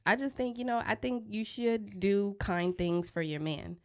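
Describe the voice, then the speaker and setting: A woman in her thirties co-hosting a casual studio podcast, outspoken and joking, often breaking into loud laughs. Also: medium pitch, lively intonation, measured pace. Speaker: podcast co-host. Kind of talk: casual chat. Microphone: studio microphone.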